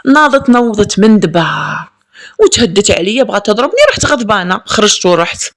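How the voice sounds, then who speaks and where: A young woman with an Algerian accent, telling a personal story in a lively, emphatic way and repeating words for stress. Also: mid-range voice, fairly quick. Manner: lively and emphatic, with frequent repetitions. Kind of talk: casual spoken storytelling.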